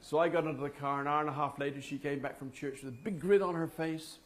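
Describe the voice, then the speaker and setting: A man giving a personal testimony to a men's group, telling his story slowly and dramatically with long pauses. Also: on the high side, fairly even intonation. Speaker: speaker at a men's fellowship meeting.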